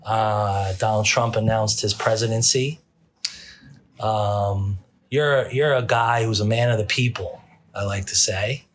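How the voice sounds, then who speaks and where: A man's voice: lowish voice, fairly even intonation, measured pace. A man hosting a political talk show and street interview, sick with a worn voice, speaking in a brash, profane, tough-guy way. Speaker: podcast host interviewing a guest.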